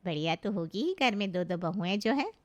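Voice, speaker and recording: A woman's voice: mid-range voice, expressive, moderate pace, natural voice. A chatty middle-aged family friend in a storybook tale, as a woman narrator puts her on. She talks in a friendly, praising way.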